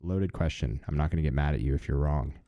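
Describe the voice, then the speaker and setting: Male, 30s, live-stream host; deep warm voice, easygoing and filler-heavy. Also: quick pace, no room sound. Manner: relaxed, chatty, many fillers. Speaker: livestream host. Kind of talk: casual live-stream chat.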